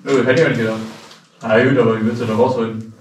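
A man's voice: medium pitch, steady tone, fast. A man chatting casually in brief, colloquial remarks as a companion on an exploration vlog. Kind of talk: casual chat while exploring. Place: inside an empty concrete apartment block. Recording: echoey empty rooms, distant mic, clear noise.

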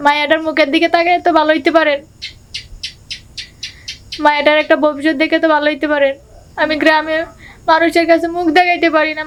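A woman's voice: high voice, natural voice. A woman playing a tearful pleading wife. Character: tearful young wife and mother. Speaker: actor. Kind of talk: television drama acting.

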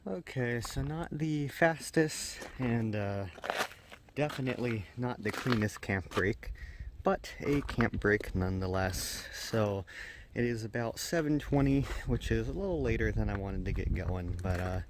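A man's voice: fairly low pitch, unhurried, background noise. A young man casually narrating his solo camping trip outdoors, rambling with lots of "uh" fillers. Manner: relaxed, rambling with many "uh" fillers. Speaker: camping vlogger. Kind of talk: casual self-filmed vlog narration. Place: outdoors at a forest campsite in winter.

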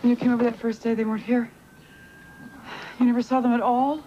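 A woman's voice: a little high, flat delivery, fast talker. An actress playing a worried woman who thinks aloud while she searches for lost pets, heard from a worn VHS tape copy. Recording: dull hissy worn tape dub.

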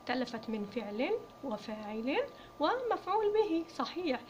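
A woman teaching an Arabic grammar lesson, asking questions and answering them herself and repeating key words slowly. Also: high-pitched, big pitch swings. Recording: dull lo-fi sound with faint noise.

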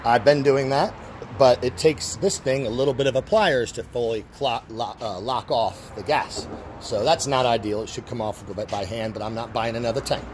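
A middle-aged man rambles through a casual walkthrough, often restarting his sentences. He is recorded outdoors on a camera mic, with clear background noise under his voice. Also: mid-range voice, normal speed. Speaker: seller showing a machine.

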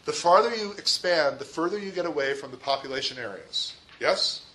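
Guy teaching a history class, bit high-pitched, keeps asking "right?", light background hiss. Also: lively intonation, fairly quick, pushed and bright, rough recording. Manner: emphatic, rhetorical questions, uneven pace.

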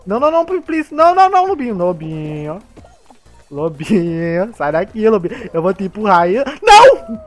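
A man with a Brazilian accent giving excitable gameplay commentary, laughing often and talking to the other players. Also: high-pitched, brisk, faint music behind. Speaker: gamer.

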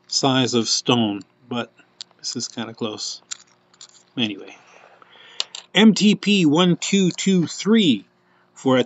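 A man's voice: mid-range voice, no echo. Man chatting through a dull, dry recording. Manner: chatty and rambling, with many fillers. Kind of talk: casual live product showcase.

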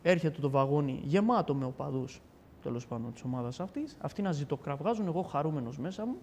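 A man's voice: a little high, a little hiss or hum. A man giving a personal testimony in a casual storytelling way, acting out the dialogue as he tells it. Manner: animated storyteller who acts out dialogue. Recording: long hall reverb.

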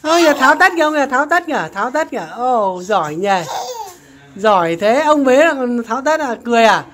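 A woman's voice: on the high side, animated, fast talker, fairly bright tone. A woman chatting casually in a family vlog, cooing to a baby. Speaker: vlogger.

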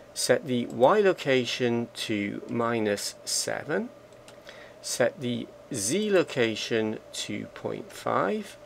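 A man narrating a software screencast tutorial, calmly giving slow step-by-step commands. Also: mid-range voice, gravelly, a little hiss or hum. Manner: slow, measured, instructional commands.

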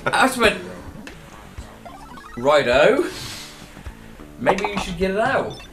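A man on a podcast telling a story in casual chat, animated and profane, laughing as he goes. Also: high-pitched, takes it slowly, faint music behind. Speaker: podcast co-host.

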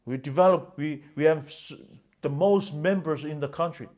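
A man's voice: on the high side, moderate pace, darkish tone, lightly acted. A man voicing a proud churchgoing husband who presses his wife with exasperated, demanding questions. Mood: indignant.

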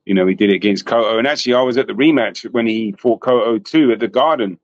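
A man's voice: fairly low pitch, quick pace, no room sound. A man from England with an English accent, chatting casually as a guest on a video call, with many restarts and "bro". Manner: chatty, trailing restarts, says bro and mate. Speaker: guest boxing channel host. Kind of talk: casual chat. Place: small room indoors. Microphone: video call webcam. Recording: dull lo-fi call audio, dry.

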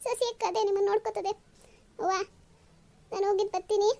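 Woman voicing a cartoon bride, very high and pleading, softly weepy. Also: fairly even intonation, fast, creaky. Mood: tearful. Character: young bride leaving her home, tearful, clinging.

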